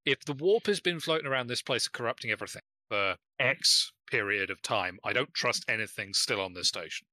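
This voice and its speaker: A man chats casually as a player in a tabletop game. His voice is very bright and forceful, swinging widely in pitch, with wry, playful wordplay. The sound is dry and close. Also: expressive, brisk, dry recording. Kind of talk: casual chat during an online tabletop game.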